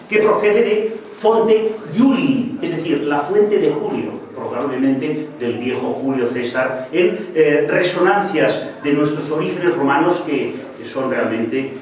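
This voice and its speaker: An older man talks in a professorial, digressive way, his pitch rising and falling with lively emphasis. He is picked up from a distance in a very echoey hall, with faint noise behind him. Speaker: lecturer. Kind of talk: public talk. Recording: echoey hall, mic from far off.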